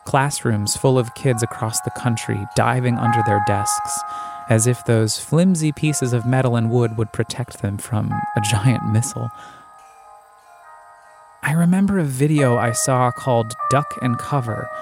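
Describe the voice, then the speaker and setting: A man from the United States narrating a scripted first-person audio essay in a reflective, deliberate way. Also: medium pitch. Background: music.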